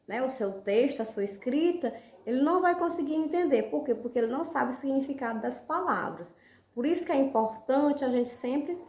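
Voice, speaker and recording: A woman teacher giving a lesson, often pausing to ask rhetorical questions and check that her students follow. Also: high-pitched, darkish tone, reverberant. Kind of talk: classroom lesson.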